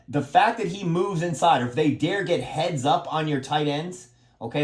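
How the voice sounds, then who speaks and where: A man coaching football, breaking down a play step by step, emphatic and repeating himself, with a steady "okay?" after each point. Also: on the high side. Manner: emphatic, repeats words while explaining.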